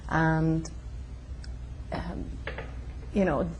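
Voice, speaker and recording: Low-voiced woman from Sweden, hesitant. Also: little pitch movement, darkish tone, a little hiss or hum, rough recording. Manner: hesitant, many fillers and pauses. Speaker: interviewee. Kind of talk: casual conversation. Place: her home.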